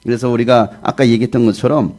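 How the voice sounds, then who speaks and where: A middle-aged male pastor preaching a sermon, loud and given to shouting, acting out the voices of the people in his stories. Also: medium pitch, steady tone, quick pace.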